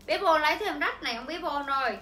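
A woman's voice: sits high, lively intonation, quick pace, bright, forceful tone. A young woman, chattering through a live-stream clothing sale with repetitive sales patter. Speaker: livestream clothing seller. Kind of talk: livestream selling chat. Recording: echoey room with faint ambient noise.

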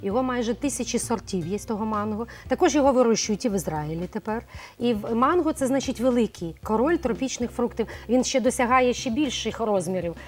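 A woman's voice: fairly high pitch, animated, fast talker, a little mellow. A middle-aged woman, a cosmetologist guest on a morning TV show, explaining things in a chatty way with frequent hesitations. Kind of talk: morning TV studio conversation.

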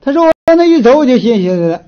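Northeastern Mandarin man, folksy lecturer, high animated voice, restarts a lot, muffled lo-fi audio. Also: fast. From Northeast China. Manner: animated storyteller, frequent filler restarts. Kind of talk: folksy moral lecture with storytelling. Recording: dull lo-fi recording.

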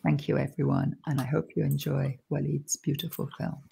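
An older woman hosting an online film premiere over a video call, speaking gently and in a measured way with frequent pauses. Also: deep voice, little pitch movement, creaky, breathy edge. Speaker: event host. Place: room indoors.

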